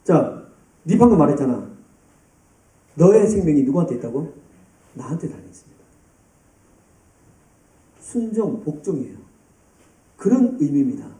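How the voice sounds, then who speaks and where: A man preaching a sermon to a youth group, lively and addressing students by name. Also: a little high, normal speed, long pauses. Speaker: pastor. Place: church hall. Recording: roomy, distant church hall sound.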